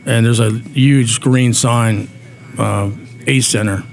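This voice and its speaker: A man's voice: mid-range voice, steady tone, slow pace. A man interviewed as a guest on a talk show, talking earnestly about community aid, often repeating words as he thinks aloud. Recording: faint background noise.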